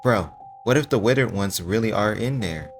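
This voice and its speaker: A man's voice: fairly low pitch, lively intonation, moderate pace, gravelly, faint music behind. A man voicing a nervous, joking young sidekick who whispers slangy wisecracks.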